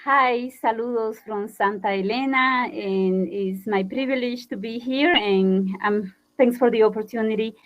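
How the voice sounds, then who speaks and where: A woman's voice: a little high, unhurried. A woman from Honduras introduces herself to a panel. She speaks in a friendly, somewhat hesitant way. The audio sounds slightly dull and lo-fi.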